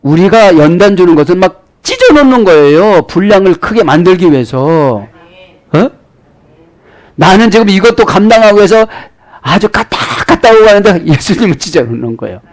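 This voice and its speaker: Animated male pastor preaching. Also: high voice, normal speed. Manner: lively preaching, often prompting the congregation with "에?". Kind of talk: sermon with Greek word study.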